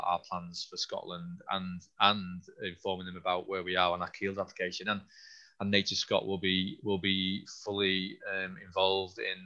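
A scientist hosting an online Q&A, answering questions haltingly with many restarts while losing his voice a little. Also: sits low, pushed and bright, dull audio. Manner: halting, with frequent restarts and fillers. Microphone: video call.

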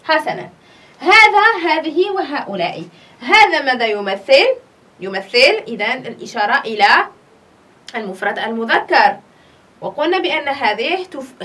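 Lively high-voiced woman teaching grammar. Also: far from the mic. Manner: asks questions and answers them herself; slow, drawn-out dictation of example sentences. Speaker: primary school Arabic teacher. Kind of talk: classroom grammar lesson.

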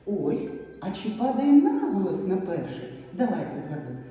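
A woman preschool teacher leading a children's syllable lesson, speaking slowly in an encouraging, sing-song way. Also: mid-range voice, huge pitch swings. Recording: echoey hall, distant mic, soft music.

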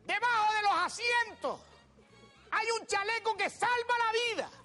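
A man's voice: very high-pitched, lively intonation, normal speed, soft background music, full character voice. A man playing a cheeky old rustic countryman with a Canarian accent, telling brash, crude stories on a TV stage. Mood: storytelling. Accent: Canarian Spanish. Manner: brash, shouting punchlines, swearing freely. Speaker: stand-up comedian. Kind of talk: character stand-up monologue. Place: TV studio stage before a live audience.

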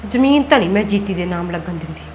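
A woman's voice: medium pitch, lively intonation, fast, a little mellow, a little hiss or hum, natural voice. An actress playing a scheming young wife and daughter-in-law in a family drama, who argues back and plots under her breath. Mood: plotting. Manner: argumentative, self-talk plotting. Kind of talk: Punjabi web-series acting.

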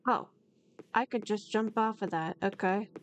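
Nervous, slow-talking woman horror game streamer. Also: mid-range voice. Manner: nervous, jumpy, thinking aloud in short bursts. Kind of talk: casual horror game commentary. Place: small home room, indoors. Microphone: desk microphone on a boom arm near the face. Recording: clearly noisy room microphone with background noise.

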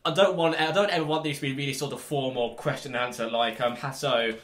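A man's voice: medium pitch, fairly even intonation, fast, fairly bright tone. A man with a British accent hosting a podcast, chatting casually, laughing often and restarting his sentences. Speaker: podcast host. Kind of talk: casual chat.

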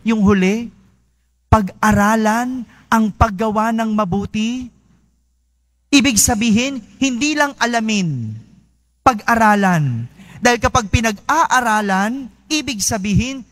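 A priest gives a homily in a high, light voice. He talks slowly and chats with his congregation, often tossing them a quick question. The sound is dry and close. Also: a bit bright, no echo. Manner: conversational, asks listeners "no?" often.

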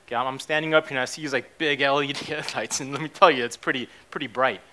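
A mid-range male voice, sharp in tone, moves fast with fairly even intonation. He's the keynote speaker and company CEO, Japanese-born and American-raised, casually presenting on a hotel conference stage and constantly tossing in fillers plus "right?" and "okay?"

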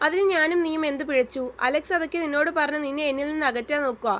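Brief: woman reading as a soft-spoken young man in an audio story, coaxing, high-pitched voice. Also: very fast, close to an everyday voice. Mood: soothing. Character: gentle young man, soothing, reassuring lover.

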